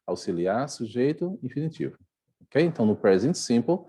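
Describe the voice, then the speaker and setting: Brazilian guy teaching english grammar online, mellow husky voice, keeps checking in with tá and né. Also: medium pitch, sing-song, moderate pace. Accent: Brazilian Portuguese. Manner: explains step by step, often checking in with "tá?" and "né?".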